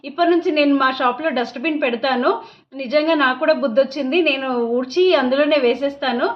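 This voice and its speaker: A woman's voice: high-pitched, steady tone, quick pace, close to an everyday voice. A woman voicing an admiring female shopkeeper who gushes with praise. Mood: gushing. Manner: effusive, gushing. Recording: dull lo-fi sound.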